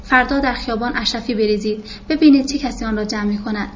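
A woman's voice: a little high, fairly even intonation, lo-fi sound, slight background noise, close to an everyday voice. A woman voicing a commanding king of a folk tale who issues orders. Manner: authoritative, decreeing. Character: commanding old storybook king.

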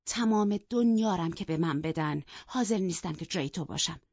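A woman voicing a proud, sharp-tongued young woman who mocks and scolds in an audiobook. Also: a little high, expressive, no room sound, pitched above the performer's own voice. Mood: scornful. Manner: cutting and mocking. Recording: dull, dry lo-fi recording.

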